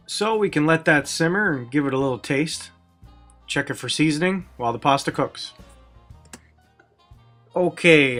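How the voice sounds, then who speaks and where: A man's voice: mid-range voice, fairly bright tone. A man hosting a cooking video, walking through a recipe step by step with wry, self-deprecating jokes. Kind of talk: cooking demonstration with jokey asides.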